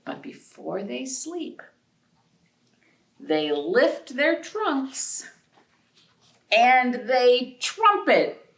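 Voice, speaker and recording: A library storytime host reads aloud to children, with counting rhymes, in an echoey indoor room away from the mic. Her voice is on the high side and a bit bright, very animated yet extremely slow, with vocal fry and long pauses, and she sing-songs questions to her young listeners.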